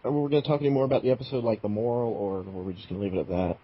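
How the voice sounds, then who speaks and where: A man's voice: fairly low pitch, very fast, slightly rough. A man co-hosting a casual podcast, laid-back and joking, reading out news items. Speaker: podcast co-host. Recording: muffled lo-fi recording.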